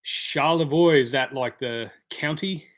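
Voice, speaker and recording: Male streamer, slightly higher voice, easygoing chat replying to viewers. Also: measured pace. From Australia. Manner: chatty, answers viewer comments by name. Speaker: live stream host. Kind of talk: casual live stream chat.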